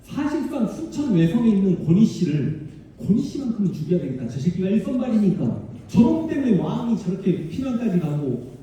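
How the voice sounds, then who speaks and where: Animated man lecturing in an echoey hall. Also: high voice, fairly quick. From Korea, Honam region. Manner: animated, emphatic, chatty with the audience. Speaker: history lecturer. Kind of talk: public history lecture. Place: large civic auditorium. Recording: distant, very echoey hall sound.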